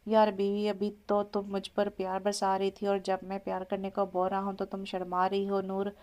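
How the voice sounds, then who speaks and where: A woman's voice: mid-range voice, completely flat delivery, moderate pace, darkish tone, dull audio, natural voice. A woman voicing a teasing young husband. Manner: teasing, playful.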